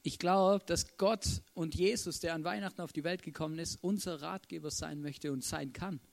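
Guy preaching, high voice, super chatty, keeps asking the crowd. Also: fairly even intonation, moderate pace, gravelly. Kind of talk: casual sermon.

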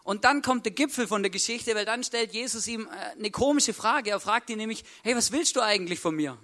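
Animated and fairly quick, a male preacher with a high-pitched, sharp voice retells a story in a sermon. He uses casual, colloquial speech, plays out the lines of the story's people, and constantly asks "right?" at the end of sentences.

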